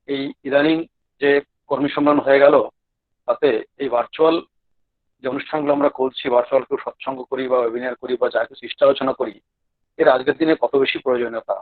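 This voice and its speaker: Male devotional speaker from Maharashtra, humble, halting less-practised Bengali with English words, more used to Hindi and Marathi; dry, band-limited call sound. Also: medium pitch, no echo, narrow, tinny audio. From Maharashtra, India. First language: speaks Hindi and Marathi more readily than Bengali. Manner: humble, deferential. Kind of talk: informal devotional talk in an online webinar. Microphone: online call. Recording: thin band-limited online call audio.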